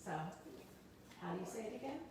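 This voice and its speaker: A woman's voice: on the high side, expressive, brisk, darkish tone, recorded from a distance. An upbeat woman leads a kids cooking class, coaxing answers with friendly questions. Her voice sits a little away from the mic and rings around a very echoey room with a faint hiss underneath. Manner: upbeat, encouraging, asks leading questions.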